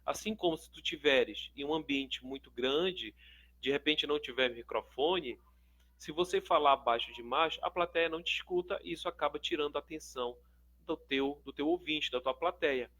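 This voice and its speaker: Animated Brazilian man teaching speaking. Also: normal speed. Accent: Brazilian Portuguese. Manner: animated, swings his pitch and loudness to demonstrate; asks the viewer "tudo bem?" often. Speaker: public speaking teacher and coach. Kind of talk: instructional video lecture.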